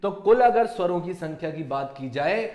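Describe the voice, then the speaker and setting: A male teacher with a Madhya Pradesh Hindi accent runs an exam-prep grammar lesson, throwing out questions and answering them himself. His voice sits high, and he keeps repeating key terms as he calls the students dear friends. The room around him is echoey. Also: animated, normal speed, a little mellow. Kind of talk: online exam-prep lecture.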